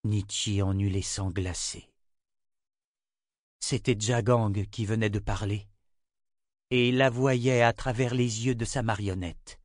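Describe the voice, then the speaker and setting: Male audiobook narrator with a low voice, steady measured read, dry booth sound. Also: dry recording. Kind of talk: scripted narration.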